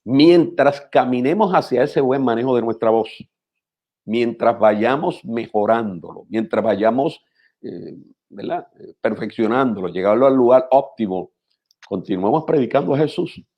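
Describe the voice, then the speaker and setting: A man, a pastor teaching preachers in a measured, instructive radio talk who repeats phrases for emphasis. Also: mid-range voice, animated, lo-fi sound.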